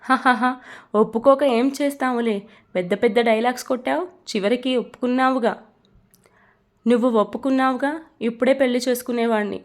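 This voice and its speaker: A woman's voice: a little high, a little mellow, natural voice. A woman voicing a domineering young man who turns into a tender husband, read as a storybook voice. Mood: teasing. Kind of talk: storybook reading.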